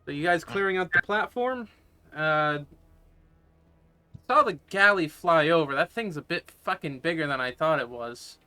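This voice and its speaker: Man voicing a gruff snow-suited contact, blunt and foul-mouthed, somewhat high, bright tone; tabletop game figure. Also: lively intonation, normal speed. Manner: rude, swearing, blunt. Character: brusque rugged male snow-geared contact.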